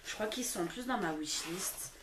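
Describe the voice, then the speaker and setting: A young woman, a book blogger, chatting casually and gushing with excitement as she opens presents at home. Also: mid-range voice, moderate pace, noisy background. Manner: excitable, gushing, full of exclamations. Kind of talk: casual unboxing chat.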